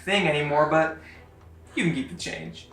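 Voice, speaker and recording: A man's voice: fairly high pitch, steady tone, normal speed, a bit bright, roomy sound, soft background music. A man voicing a thin-voiced scheming villain who talks in a sly, teasing way over the phone. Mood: gloating. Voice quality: thin, breathy.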